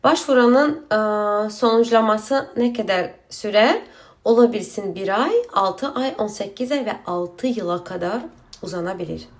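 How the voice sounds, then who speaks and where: Explaining asylum procedure in a casual Q&A video, this host speaks a slow, halting, non-native Turkish, broken and mixed with Azerbaijani and carrying an Azerbaijani accent. Her voice is mid-range.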